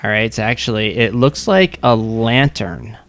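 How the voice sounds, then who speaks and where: A man's voice: on the low side, unhurried, a bit bright, no echo. A man improvising narration as game master of a tabletop game.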